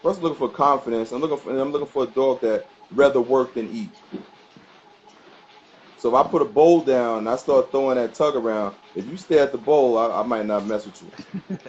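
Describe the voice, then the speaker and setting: A man's voice: medium pitch, a little fast, darkish tone. A man answering interview questions casually as a dog trainer, speaking colloquially and emphatically and repeating phrases to make his point. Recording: muffled sound with background noise.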